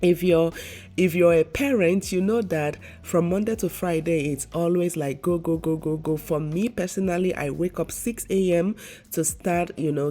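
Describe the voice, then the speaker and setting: A lifestyle vlogger chats casually with her viewers, rambling along with plenty of fillers. Her lowish, mellow voice sounds congested and stuffy from a severe cold, and faint music plays in the background.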